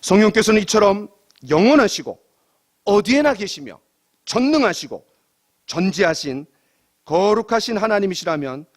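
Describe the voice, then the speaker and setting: Male pastor, middle-aged, high lively voice, animated sermon delivery with rhetorical questions. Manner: animated preaching with rhetorical questions and quoted asides.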